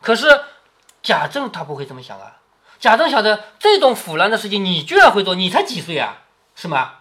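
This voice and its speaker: A man's voice: high voice, wildly swooping pitch, brisk, pushed and bright. A man reading a classic novel aloud to his daughter and explaining it in a chatty way, often checking in with "right?". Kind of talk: storytelling reading with commentary.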